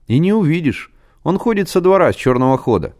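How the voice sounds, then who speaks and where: Man voicing cocky street boy, high pushy voice, impatient, storybook. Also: very animated, brisk, darkish tone.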